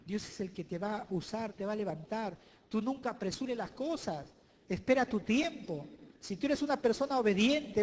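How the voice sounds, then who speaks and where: A man's voice: high voice, slight background noise. Emphatic male pastor preaching. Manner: emphatic, swings between loud and hushed. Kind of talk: sermon. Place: church.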